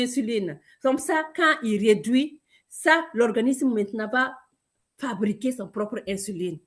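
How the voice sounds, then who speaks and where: Woman from Burkina Faso, high voice, emphatic sales trainer talking straight to the audience. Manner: lively, emphatic, addresses listeners directly. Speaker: product presenter.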